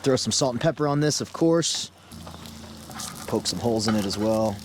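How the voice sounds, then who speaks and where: A man's voice: medium pitch, lively intonation, normal speed, music in the background. A man chatting casually to his viewers while he cooks breakfast outdoors at a mountain campsite, vlog style. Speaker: camping vlogger. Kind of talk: casual vlog talk to camera. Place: outdoor mountain campsite, then inside a tent.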